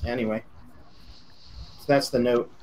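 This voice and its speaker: A man's voice: mid-range voice, fairly even intonation, unhurried, darkish tone, a little hiss or hum, low-quality recording. A man narrating as game master in a tabletop game over voice chat, talking casually and rambling with fillers.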